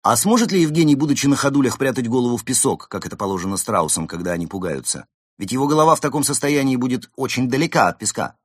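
A man voicing a pedantic, grumpy male cat in a storybook reading, with a husky tone. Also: medium pitch, big pitch swings, fast, dry recording, clean studio sound, voice pushed up. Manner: pedantic, grumbling.

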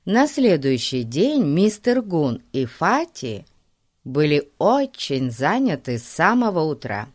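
A woman reading a children's story aloud with measured storytelling. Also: sits low, darkish tone, dry recording, clean studio sound. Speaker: audiobook reader. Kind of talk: scripted narration.

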